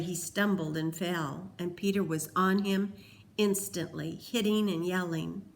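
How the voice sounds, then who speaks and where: A woman reading a novel aloud, in a slow, deliberate storytelling manner. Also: on the low side, low-quality recording. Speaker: audiobook reader.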